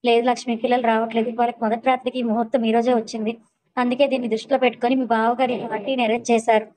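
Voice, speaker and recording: A woman voicing a calm middle-aged mother in a spoken story, explaining patiently and gently pleading. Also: fairly high pitch, very fast, lightly acted, low-quality recording.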